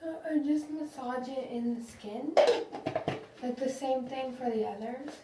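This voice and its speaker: A young woman vlogging her morning routine at home, soft-spoken and halting, often dropping to a half-whisper. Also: high-pitched, distant mic, very noisy. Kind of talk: casual vlog narration. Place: home, bathroom and bedroom. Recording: echoey room at home.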